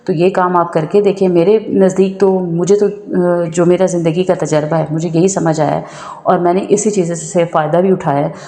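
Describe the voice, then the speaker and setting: A woman's voice: on the low side, fairly even intonation, warm tone. A woman vlogger telling a personal story and giving advice in a chatty way, often checking in with her listener. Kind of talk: casual storytelling and advice talk. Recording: echoey room with long reverb.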